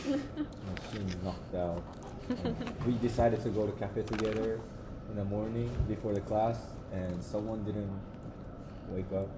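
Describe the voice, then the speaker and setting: A man's voice: fairly low pitch, expressive, measured pace, long pauses, echoey room, noisy background. A young man chatting on a casual podcast, giving short, tired, laid-back answers. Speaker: podcast guest. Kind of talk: casual chat.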